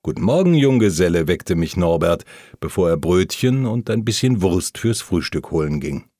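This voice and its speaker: A man reading a first-person memoir aloud, telling the story calmly and plainly while voicing the quoted lines. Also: sits low, normal speed, dry recording, studio quality. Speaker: audiobook narrator.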